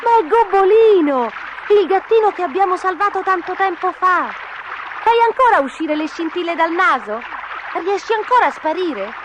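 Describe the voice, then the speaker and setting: Woman doing shrill excited farm children. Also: moderate pace, noisy background. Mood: eager. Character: excited young children, eager and loud.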